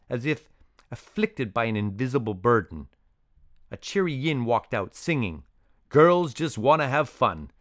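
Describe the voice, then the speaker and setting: A man narrating a children's story in an even, descriptive way. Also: medium pitch, no room sound, clean studio sound.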